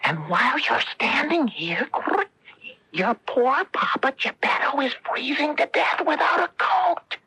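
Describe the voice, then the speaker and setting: An actress playing a tiny, fretful cricket conscience in a radio drama, with a thin, very raspy voice. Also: female voice, high-pitched, sing-song, measured pace, pushed and bright, exaggerated voice, rough recording. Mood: urgent. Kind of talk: old-time radio drama acting.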